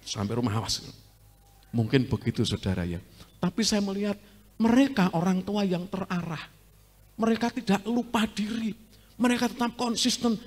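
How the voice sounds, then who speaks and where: Middle-aged male pastor, Javanese accent, lively and teasing from the pulpit, slightly high voice. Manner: lively preaching, teasing and asking the congregation. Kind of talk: sermon.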